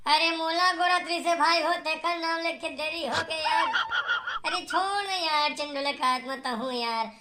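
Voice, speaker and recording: A woman's voice: high voice, normal speed, heavy background noise, natural voice. A woman voicing a teasing male village friend in a cartoon comedy, speaking with a Chhattisgarhi accent and bantering constantly. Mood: cheeky. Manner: bantering, calls out "arre yaar" often. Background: background music.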